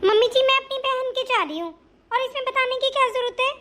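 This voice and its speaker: A woman voicing a defiant young daughter-in-law in an animated family cartoon, talking back sharply. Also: very high-pitched, brisk.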